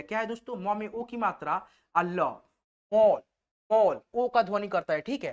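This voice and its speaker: A man's voice: sits high, fairly bright tone. A man from or teaching a spelling lesson, patient and repetitive, asking his own questions and then answering them. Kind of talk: spelling lesson over a board.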